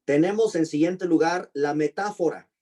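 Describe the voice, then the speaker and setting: A man with a mellow voice that sits a bit above the usual male range, teaching an online class. He says each term slowly and more than once, spells out the letters, and puts questions to his students. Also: on the high side. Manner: slow, deliberate spelling-out of terms. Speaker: pastor and teacher.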